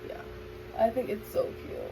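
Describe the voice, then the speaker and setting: A young woman chatting casually to camera as a vlogger, with a bubbly, gushing sorority-girl manner and drawn-out emphasis, recorded at home. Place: indoors in a room at home. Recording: home recording with background noise.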